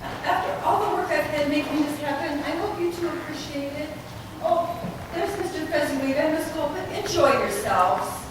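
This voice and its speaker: A woman's voice: sits high, animated, moderate pace. A woman playing a cheerful, bossy middle-aged hostess who pairs off dance partners, acting on a stage. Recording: echoey hall, far from mic, noisy.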